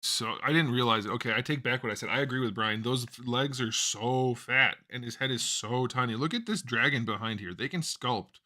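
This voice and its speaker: A man hosting a casual live-stream chat, blunt and quick to laugh, thinking aloud with plenty of fillers. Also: medium pitch, sharp tone. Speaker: host.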